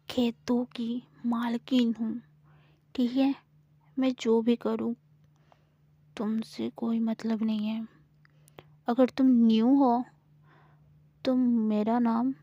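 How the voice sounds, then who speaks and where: A woman's voice: on the high side, no room sound, lo-fi sound. A woman voicing a brash, bossy young woman who scolds and gives orders. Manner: scolding, commanding, sometimes hushed.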